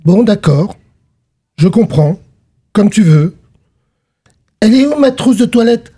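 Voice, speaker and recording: Woman playing a halting, offhand middle-aged husband in a story reading, voice a touch low and mellow. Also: animated. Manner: hesitant, halting with fillers.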